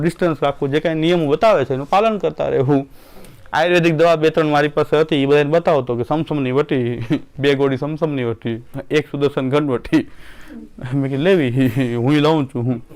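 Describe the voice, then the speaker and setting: A man's voice: a little high, darkish tone, smooth. Folksy man telling devotional stories. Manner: folksy storytelling, acts out dialogue, laughs often. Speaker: devotional speaker. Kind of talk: devotional discourse with anecdotes.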